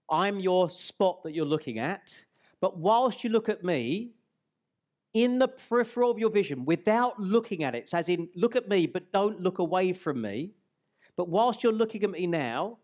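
On a hall stage, a speaker and trainer in his forties leads a live seminar through a headset mic, guiding the audience through an exercise and slowing on key words. His pitch is fairly high and his tone darkish.

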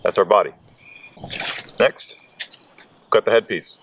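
A man hosting an oddball how-to segment outdoors, talking in a playful, deadpan way. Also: fairly low pitch, slow pace. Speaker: host. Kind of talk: offbeat how-to demonstration. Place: outdoors in the woods. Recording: loud power-drill noise.

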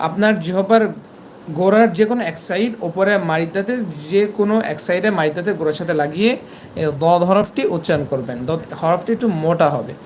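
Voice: medium pitch, a little mellow, slight background noise. Patient teacher drawing out letter sounds. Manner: patient, repeats each letter slowly and drawn out. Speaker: Quran teacher. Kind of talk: online lesson on letter pronunciation.

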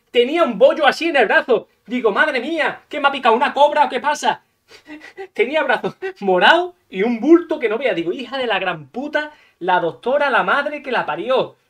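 A man's voice: high voice, fairly bright tone. A man, a gaming streamer chatting casually and swearing as he acts out dialogue while he plays. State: coughing. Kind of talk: casual storytelling while playing.

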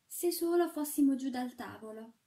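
A tearful little porcelain shepherdess from a storybook, as a woman puts her on, with a high voice that keeps rising into anxious exclamations. The tone is soft and mellow, and it sounds a little distant from the mic. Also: moderate pace. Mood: pleading. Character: pleading porcelain shepherdess girl, fearful, tearful.

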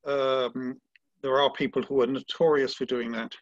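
A man's voice: mid-range voice, little pitch movement, dry recording. Man, sailing judge, thinks aloud with restarts; lo-fi call audio. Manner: halting, many restarts and fillers. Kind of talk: online panel discussion. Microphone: video call. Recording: dull lo-fi video call audio.

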